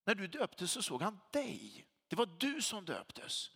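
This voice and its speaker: A man's voice: high-pitched, huge pitch swings, creaky, sharp tone, husky. A man preaching a sermon as a pastor, speaking with emphasis and repeating key phrases for weight. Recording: long hall reverb.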